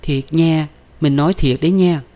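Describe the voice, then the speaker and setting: A man's voice: brisk, darkish tone, close to an everyday voice. A man reading an audiobook, voicing a tender, frightened young village woman in a raised, pleading tone. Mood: coy. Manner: pleading, tearful, higher voice.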